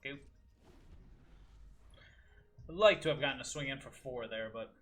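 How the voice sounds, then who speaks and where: A man's voice: medium pitch, fast, fairly bright tone. A man giving casual gameplay commentary at home, muttering his thoughts aloud with dry little asides. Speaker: gaming video host. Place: room at home with window open.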